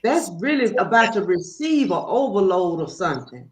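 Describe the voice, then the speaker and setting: A woman guest in casual spiritual conversation, telling stories in an animated, preachy way. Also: medium pitch, moderate pace. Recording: roomy, dull, faint noise.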